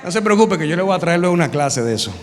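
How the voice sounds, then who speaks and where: A man pastor preaching with humor, telling stories in an animated way and sometimes shouting. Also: sits high, very fast. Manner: animated storytelling, bursts of shouting. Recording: reverberant hall, faint noise.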